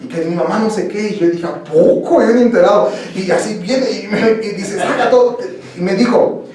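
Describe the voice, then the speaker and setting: A man's voice: high-pitched, a little fast, a crowd in the background. A young man with a Mexican accent preaching an interactive sermon in a church hall. He talks conversationally, makes jokes and quizzes the congregation. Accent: Mexican Spanish. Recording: echoey room, voice from far off.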